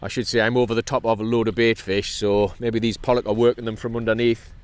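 A man's voice: mid-range voice, fast talker, smooth. A man, chatting casually on a fishing vlog from a kayak at sea, upbeat and cheery. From North East England. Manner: chatty and upbeat, with excited bursts when a fish is hooked. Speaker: kayak angler. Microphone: action camera mounted on the kayak.

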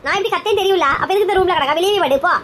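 A woman with a Kanyakumari Tamil accent playing a wailing, accusing wife in a comic skit, loud and dramatic. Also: very high-pitched, very fast, slight background noise. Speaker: channel host and skit actor.

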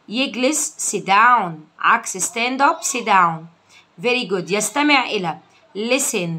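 A young woman with an Egyptian Arabic accent teaching English vocabulary to children, saying each word slowly and loudly after explaining it. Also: medium pitch.

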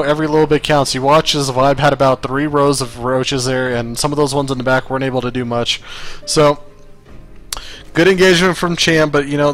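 A man doing solo play-by-play commentary on a strategy game, tired after a long day, chatty and loose, often restarting his sentences. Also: fairly high pitch. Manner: relaxed, chatty, self-correcting, occasional laughs. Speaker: esports caster.

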